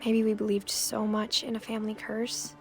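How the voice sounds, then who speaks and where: An actress narrating as a young woman uncovering her family's secrets, speaking in a quiet, reflective way. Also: mid-range voice, monotone, moderate pace, over music, lightly acted. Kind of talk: game narration.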